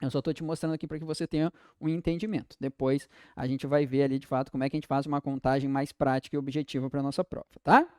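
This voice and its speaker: A young man with a Brazilian Portuguese accent teaching an exam-prep lesson in a lively way, stretching out his example words. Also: mid-range voice, quick pace, hardly any pauses, no room sound, clean studio sound.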